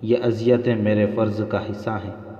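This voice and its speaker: A man reading the lines of a captured male spy, resolute and quiet under torture, in a dull, roomy recording. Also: on the low side, level tone, close to an everyday voice. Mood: weary.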